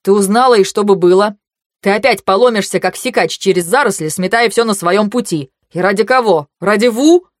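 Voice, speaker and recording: A woman's voice: on the low side, normal speed, no room sound, studio quality, close to an everyday voice. A woman voicing an irritable, haughty young male noble in an audiobook, speaking in a curt, scolding way. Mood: angry.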